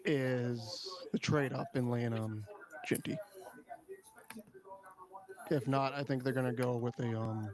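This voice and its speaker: A man's voice: medium pitch, steady tone, slow pace, pauses often, crowd noise, poor audio. A man hosting a casual live-stream chat about football, laid-back and swearing freely. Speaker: stream host.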